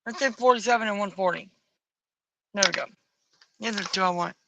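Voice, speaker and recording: A woman streaming from home, chatting casually and musing aloud as she colors, with a bit of rough morning voice. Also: mid-range voice, fairly quick, noisy background. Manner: muses aloud, picky and chatty, folksy asides. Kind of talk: casual chat while coloring. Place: home at night.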